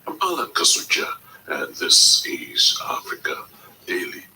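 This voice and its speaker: A male podcast host with a very bright, ringing tone and lively intonation asks measured, probing questions. He sits slightly back from the mic over a faint hiss. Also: lowish voice, creaky, distant mic, poor audio. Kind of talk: scripted narration and interview.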